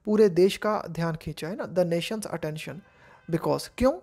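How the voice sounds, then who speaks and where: Indian woman, english teacher, slow phrase reading, hindi explanations, lesson style. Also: fairly low pitch, warm tone. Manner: reads English phrases slowly, then explains them in Hindi.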